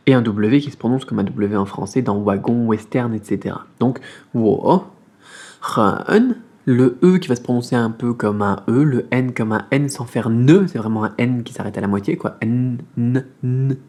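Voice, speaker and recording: A man teaching a casual beginner Mandarin video lesson, explaining in a friendly way, repeating sounds slowly, with many fillers. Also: medium pitch, mellow.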